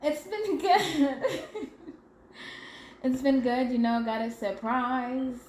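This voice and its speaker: A woman's voice: high voice, slow pace, darkish tone. A woman in her twenties co-hosting a podcast, chatting in an easygoing, teasing, joking way. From United States. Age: 20s. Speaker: podcast co-host. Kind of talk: casual chat. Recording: echoey room with background noise.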